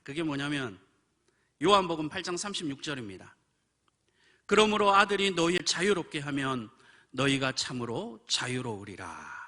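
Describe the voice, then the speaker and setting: Male preacher, animated storyteller with a bright, lively pitch. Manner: animated storytelling, acts out quoted voices. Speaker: pastor. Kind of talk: sermon with personal story. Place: church.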